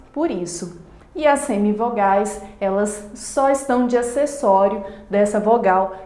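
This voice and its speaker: A Brazilian woman teacher talks through a grammar lesson at an unhurried pace. She pauses to stress each example word as she explains it. Her voice rings in a roomy, echoey space. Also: fairly high pitch. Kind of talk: recorded online grammar lesson.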